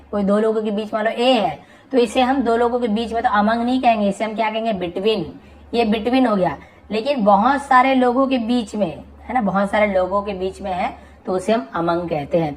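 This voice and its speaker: In Hindi, a female tutor teaches English vocabulary, announcing each word loudly before patiently explaining it in a quieter voice. She speaks at a moderate pace, and the recording quality is low.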